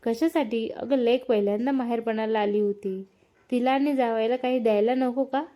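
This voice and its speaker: A stern, caring middle-aged uncle, as a woman narrator reads his lines. He speaks firmly and scolds, in a mellow, slightly high voice. Part of a family story read aloud. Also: fairly even intonation, normal speed, natural voice. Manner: firm, scolding, rising to a shout.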